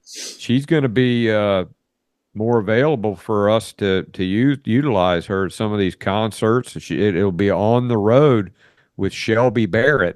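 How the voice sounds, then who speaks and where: A man's voice: on the low side, clean tone, dry recording, clean studio sound. A man co-hosting a podcast, chatting casually and rambling with lots of uh and restarts. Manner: rambling, many fillers and restarts. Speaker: podcast co-host.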